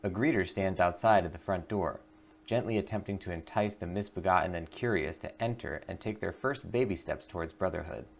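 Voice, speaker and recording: A man with a low, creaky voice hosts a gaming video, briskly offering casual commentary and reading the game's text aloud. A little hiss or hum sits under the recording.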